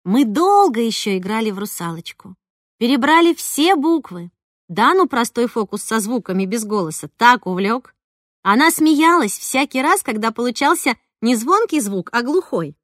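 A woman reading a first-person story aloud in an expressive storybook manner, close to the mic. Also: on the high side, normal speed, no echo. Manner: expressive, voices the dialogue. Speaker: audiobook reader.

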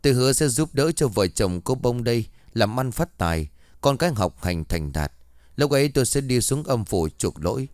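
A man's voice: mid-range voice, sing-song, normal speed, a little mellow, no room sound, clean studio sound, natural voice. A man voicing a pitiful male ghost who whines and pleads, from a spoken storybook. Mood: sullen. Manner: whining, pleading.

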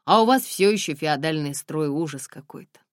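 A woman reading a gruff but caring man, a driver who lectures the girl. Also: deep voice, expressive, normal speed, no room sound, studio quality.

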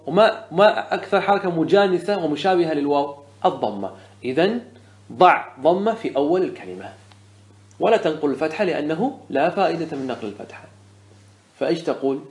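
A man's voice: a little high, reverberant. A man teaching Arabic morphology as a sheikh, patiently explaining step by step and answering his own questions. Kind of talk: classroom lesson.

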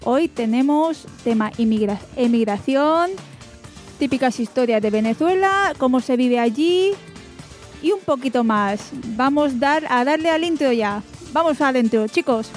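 Una mujer española que conduce un pódcast en tono de charla informal, preguntando con frecuentes reinicios. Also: female voice, high-pitched, animated, unhurried, soft background music. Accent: Spanish from Alicante. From Spain. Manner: chatty, asks questions with frequent restarts. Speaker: podcast host. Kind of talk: casual podcast interview.

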